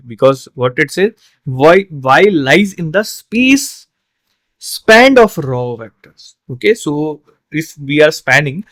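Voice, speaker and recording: An online tutor, a man with a slightly high voice, walks through an exam solution step by step, using lots of fillers and tag questions. He sounds a little tired and yawns along the way. The recording is dry.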